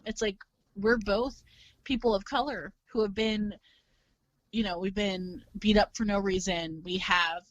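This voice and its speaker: A woman's voice: mid-range voice, measured pace, no room sound, dull audio. Chatty young woman guest, dry sound. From California. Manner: animated, chatty, filler-heavy. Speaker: podcast guest. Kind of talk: casual chat.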